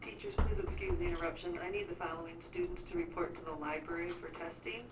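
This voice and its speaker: A woman's voice: on the low side, sing-song, vocal fry. Woman over a distant school intercom. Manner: brisk, formal announcing. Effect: school intercom loudspeaker. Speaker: school office staff making an announcement. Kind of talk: public address announcement. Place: classroom, heard through a wall speaker. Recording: echoey loudspeaker heard from far off.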